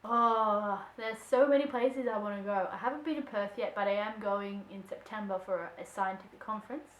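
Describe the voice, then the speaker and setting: A young Australian woman vlogging to camera, answering viewer questions in a chatty, expressive way. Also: medium pitch, normal speed, slight background noise. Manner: chatty and expressive, acts out quoted voices. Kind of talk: casual chat to camera. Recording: echoey room.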